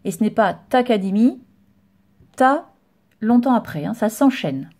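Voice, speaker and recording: A woman's voice: mid-range voice, lively intonation, a little fast, mellow. Patient woman teaching music reading. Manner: patient, explains step by step, chants note names and rhythm syllables. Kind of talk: solfège reading lesson.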